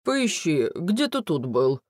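A man's voice: a little high, sing-song, takes it slowly, no room sound, clean studio sound. A man voicing a bossy, impatient sparrow father who brags about shortcuts. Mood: bossy, hurried. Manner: impatient, boastful. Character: bossy hurried sparrow dad, middle-aged.

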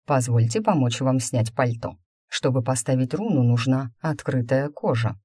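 A woman voicing a calm, smooth-talking male mage who stays unruffled and speaks in an ingratiating way, in a story read aloud. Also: a bass voice, no echo, studio quality. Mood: composed. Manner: unhurried, imperturbable, ingratiating.

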